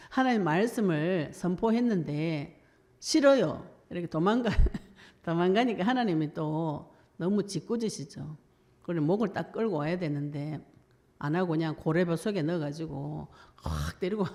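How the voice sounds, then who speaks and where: A woman's voice: lowish voice, warm tone. A woman preacher, giving a colloquial sermon and acting out the voices she quotes.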